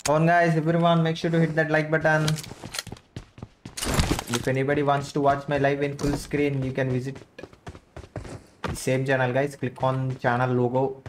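A man's voice: mid-range voice, flat delivery, moderate pace, pauses often. Telugu-accented man streaming over noisy background. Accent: Telugu Indian. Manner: informal, chatty address to viewers. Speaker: game live streamer. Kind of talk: casual live gameplay commentary. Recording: clearly noisy background with clicks.

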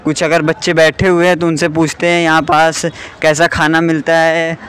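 A man's voice: on the high side, monotone, normal speed, fairly bright tone, slight background noise. Young man giving an upbeat canteen tour. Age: young adult. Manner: upbeat, addressing viewers directly as friends. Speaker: student vlogger touring a campus canteen. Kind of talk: casual walking vlog. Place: outdoor college canteen under a metal roof. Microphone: small handheld clip mic held near mouth.

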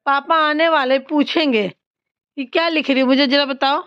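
A woman's voice: high-pitched, fairly even intonation, normal speed, no echo. A woman quizzing her young daughter on her homework, scolding and teasing by turns. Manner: teasing, questioning, slightly raised voice. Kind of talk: scolding and coaching a child at homework. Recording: slightly dull lo-fi phone audio.

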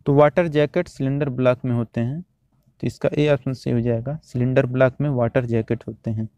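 A man teaching, reading out quiz questions and their options one by one, then repeating each answer in a steady drill. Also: medium pitch, moderate pace, dry recording. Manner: steady, repetitive exam-drill delivery.

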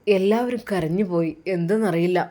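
A woman's voice: on the low side, normal speed, mellow. A woman from Kerala narrating a sad family story in a heartfelt, emotional way. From Kerala, India. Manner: heartfelt, rising and urgent at sad moments.

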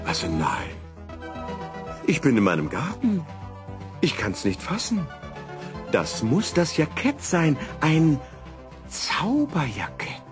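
A man voicing an absent-minded, excitable old male professor who exclaims and wonders aloud, in a storybook reading. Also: mid-range voice, normal speed, over music, pitched above the performer's own voice, natural voice. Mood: amazed.

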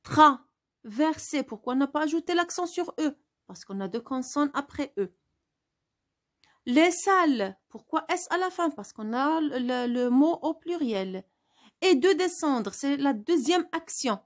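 Slow, high-voiced woman teaching spelling. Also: lively intonation. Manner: slow and deliberate, spelling words out letter by letter; asks questions and answers them herself. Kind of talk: spelling lesson.

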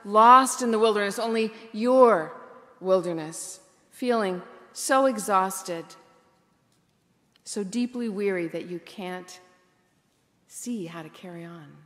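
Slow-speaking woman pastor in reverb. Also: a little high, a bit bright. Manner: reflective, candid, slows for emphasis. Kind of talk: sermon. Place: church.

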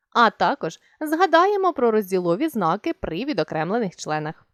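A woman gives a grammar lesson and speaks with a lively, rising and falling intonation. She sets out each rule clearly and deliberately and stresses her example words. The sound is dry and close, with no room behind her. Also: medium pitch, no room sound. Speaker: teacher.

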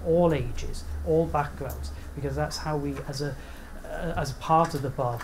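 Man, panel chair, earnest, faint room hum. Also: medium pitch. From Wales. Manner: earnest, checks in with 'all right?'. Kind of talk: moderating a panel talk. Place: seminar room.

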